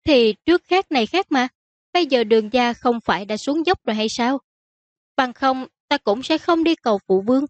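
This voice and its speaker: A woman voicing a spirited young princess, pleading with her father in a high, wheedling voice. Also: lively intonation, moderate pace, no room sound, highs cut off. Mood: indignant.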